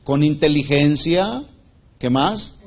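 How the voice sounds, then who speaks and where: A man's voice: on the high side, expressive, slow pace. A male pastor preaching a Bible-study sermon, explaining word meanings and asking the congregation questions.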